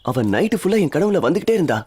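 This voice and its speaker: A man's voice: high voice, fast, slightly rough, full character voice. An actor playing a playful, lovestruck young village man who taunts his friend in film dialogue. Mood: sheepish. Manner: taunting, lively teasing. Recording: film soundtrack with music.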